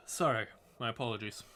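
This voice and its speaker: Yawning and a bit worn out, a livestream host walks through fantasy game lore with casual swearing and frequent apologies. His mid-range voice is sing-song and fairly bright, moving at a moderate pace.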